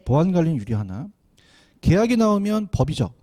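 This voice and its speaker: A man giving an exam prep lecture, animated, often asking students to repeat after him. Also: on the high side, brisk. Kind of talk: classroom lecture.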